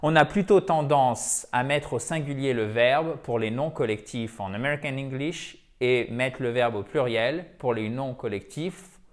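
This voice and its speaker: French man teaching English grammar. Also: mid-range voice. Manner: explanatory, repeats himself, corrects himself. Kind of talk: grammar lesson.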